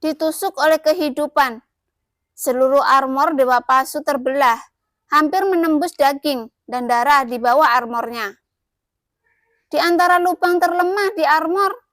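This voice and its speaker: Female audio-novel narrator; steady reading, high register, dry recording. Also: normal speed, dry recording.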